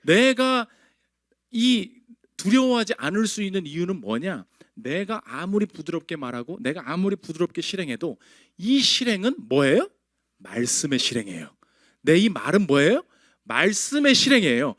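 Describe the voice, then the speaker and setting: A man's voice: sits high, big pitch swings, moderate pace, fairly bright tone, no room sound, studio quality. A male pastor preaching a sermon in a conversational way, firing rhetorical questions at his congregation.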